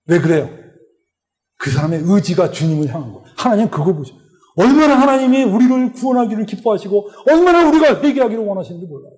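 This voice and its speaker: A man's voice: high voice, quick pace. A middle-aged man preaching at a church retreat, telling a story and acting out the dialogue in it. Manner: animated storytelling, acts out dialogue. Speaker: lay preacher. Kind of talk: sermon with story. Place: retreat hall.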